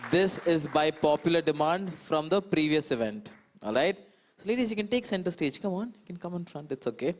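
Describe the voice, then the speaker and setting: Male hype host, Indian accent, energetic and coaxing, on the higher side, faint crowd behind him. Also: a little fast, a little hiss or hum. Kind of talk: live crowd hyping. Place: conference stage with audience.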